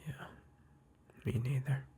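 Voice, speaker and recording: This ASMR-like roleplay features a man as the listener's boyfriend, whispering a tender, hesitant apology into a close mic in a husky, breathy voice. He speaks softly, with sighs and restarts, and a little hiss or hum can be heard.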